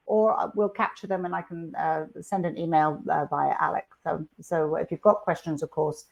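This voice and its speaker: A chatty, upbeat woman presents a live online workshop through a computer microphone, her medium-pitched voice a little mellow. As a webinar presenter, she uses frequent fillers and often restarts her sentences.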